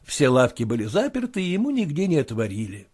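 A male reader narrating a story aloud with an expressive delivery. His voice sits high for a man and swings widely in pitch. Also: a little fast, husky. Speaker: audiobook reader.

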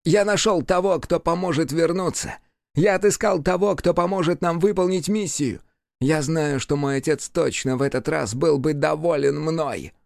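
A man's voice: a little high, moderate pace, creaky, darkish tone, no echo, clean studio sound, pitched above the performer's own voice. A man voicing a vengeful, anguished male demon in an audiobook, shrieking and wailing on the edge of tears. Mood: bitter. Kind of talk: audiobook character voice.

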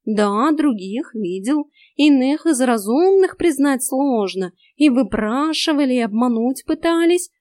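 A woman doing a cheeky talking tomcat from a storybook, pitched well above her own voice and drawn out slowly. He sounds smug and teasing, and leans in loud on his points. The recording is close and completely dry. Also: animated, no echo. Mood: earnest. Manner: slow, smug, teasing delivery. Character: cheeky sly talking male house cat.

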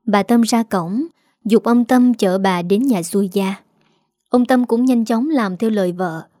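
A woman narrating a scripted family story in an even storytelling manner. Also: mid-range voice, no room sound, clean studio sound.

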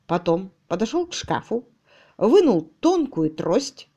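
A woman narrating an audiobook with lively, expressive storytelling. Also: mid-range voice, takes it slowly.

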